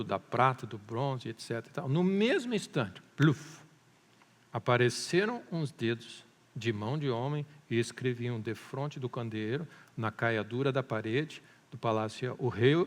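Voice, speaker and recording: Animated preacher with long hall reverb. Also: male voice, medium pitch. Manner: animated storytelling, asks "amém?" often. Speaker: pastor. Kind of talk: sermon. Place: church hall.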